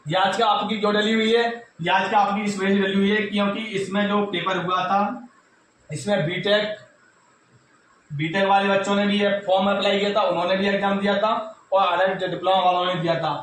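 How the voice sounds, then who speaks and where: A North Indian-accented YouTube presenter delivers an exam news update in a brisk, flat, slightly bright voice that sits high. He explains things informally to students, repeats himself, and addresses them directly from a very reverberant indoor room recorded on a distant mic with faint noise.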